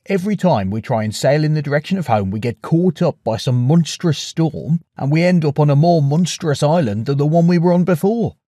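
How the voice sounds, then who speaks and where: A man's voice: a little high, expressive, fairly quick, few pauses, mellow, no echo, studio quality, pitched above the performer's own voice. A man voicing a blunt, earnest male sailor who talks in a hurry.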